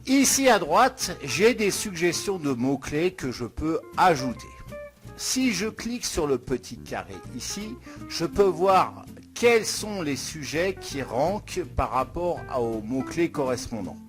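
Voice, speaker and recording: A man's voice: on the high side, sing-song, slow pace. Man walking through a screen tutorial. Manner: addresses viewer informally, step-by-step explaining clicks. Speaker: YouTube tutorial host. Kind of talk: screen-recorded software tutorial. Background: soft guitar music.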